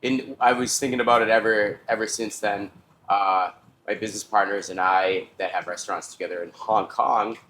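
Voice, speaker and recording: A middle-aged American man, a chef, explaining his cooking in a casual, halting conversational way. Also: fairly low pitch, fairly even intonation, pushed and bright, a little hiss or hum. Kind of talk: casual cooking demonstration and chat. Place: restaurant kitchen. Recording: echoey kitchen room sound.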